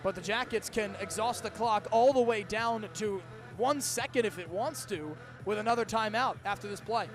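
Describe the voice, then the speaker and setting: Here the young American play-by-play man's voice is high and his pace moderate as he dramatically, emphatically narrates live football for a stadium broadcast.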